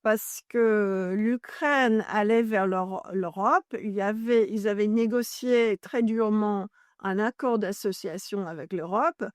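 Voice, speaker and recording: An Irish journalist and author, a native English speaker, explains things at length as an interview guest, often searching for French words and correcting herself. Her medium-pitched voice moves a little slowly with few pauses, recorded dry and clean in a studio.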